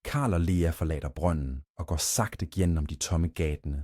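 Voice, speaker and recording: A man reading a calm bedtime story slowly, with soft, even and clearly pronounced speech. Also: low voice, no echo, studio quality. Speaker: narrator.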